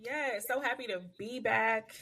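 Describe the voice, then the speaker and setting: Bright, gravelly-voiced woman guest. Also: on the high side, steady tone, unhurried. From east side of Detroit. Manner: emphatic, proud and direct. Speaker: urban planner guest. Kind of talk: casual podcast chat.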